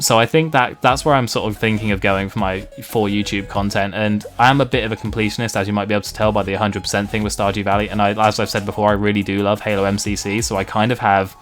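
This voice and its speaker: Male streamer, Home Counties English accent, lowish slightly nasal voice, rapid casual vlog delivery over clear background music. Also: fairly bright tone. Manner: self-deprecating, mildly sweary. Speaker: video game streamer.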